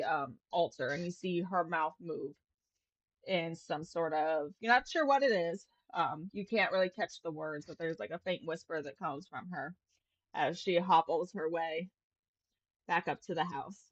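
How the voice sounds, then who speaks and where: Low-voiced woman game master. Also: measured pace, dry recording, lo-fi sound. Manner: casual, meandering, filler-heavy. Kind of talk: narrating a tabletop game.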